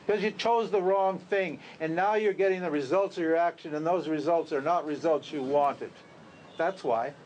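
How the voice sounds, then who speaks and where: A man's voice: sits high, a little mellow, a little hiss or hum. A man, a spiritual teacher, giving an informal talk to a group, conversational and full of rhetorical questions. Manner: conversational, rhetorical questions, laughs at his own lines.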